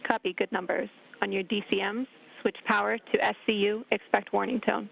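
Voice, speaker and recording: Woman, crackly radio communicator voice, slight vocal fry, steady checklist reading, tinny line. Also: mid-range voice, fairly quick. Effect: crackly radio communicator link. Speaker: mission control communicator.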